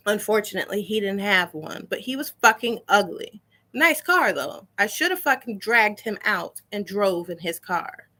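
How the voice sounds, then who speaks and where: A woman's voice: mid-range voice, lively intonation, moderate pace, bright, forceful tone. A woman delivering an indignant, profanity-filled rant straight to the camera. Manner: swearing, indignant, emphatic. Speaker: vlogger.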